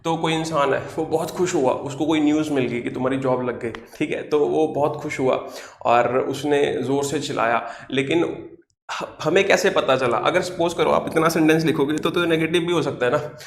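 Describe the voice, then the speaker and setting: A man's voice: on the high side, moderate pace, echoey room, a little hiss or hum. A man teaching an online English vocabulary class, explaining words patiently and asking and answering his own questions.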